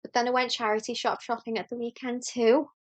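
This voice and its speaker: A woman from Liverpool with a clear Scouse accent talks casually to camera as the host of a knitting podcast. She rambles on in a friendly, chatty way and is quick to poke fun at herself. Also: on the high side, little pitch movement. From Liverpool, England. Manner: chatty, rambling, self-deprecating.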